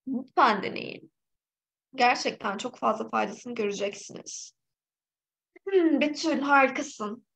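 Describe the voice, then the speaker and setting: High-voiced, lively woman teaching English. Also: low-quality recording. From Turkey. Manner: lively, encouraging, reads out student names. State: slightly hoarse. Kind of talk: live online exam-prep lesson.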